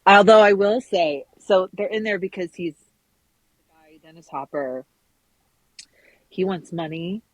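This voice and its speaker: A woman's voice: on the low side, unhurried, pauses often, dry recording, rough recording. A woman in her thirties, a podcast guest, chatting casually with eager fan enthusiasm. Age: 30s. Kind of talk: casual chat.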